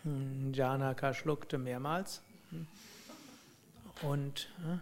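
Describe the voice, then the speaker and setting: A man telling a spiritual story and drawing lessons from it, in a reflective, unhurried way with musing hums. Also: medium pitch, steady tone. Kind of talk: spoken storytelling and teaching.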